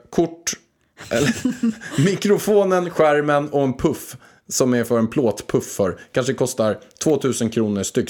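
A man co-hosting a casual podcast, joking and rambling as he thinks out loud. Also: mid-range voice. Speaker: podcast co-host. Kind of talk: casual chat.

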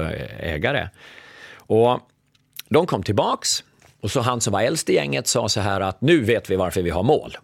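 A middle-aged man telling a long anecdote in a relaxed chat, acting out the lines of the people in it. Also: on the low side, vocal fry, no room sound, clean studio sound. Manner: animated anecdote teller acting out dialogue. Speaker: podcast guest. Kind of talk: storytelling in casual conversation.

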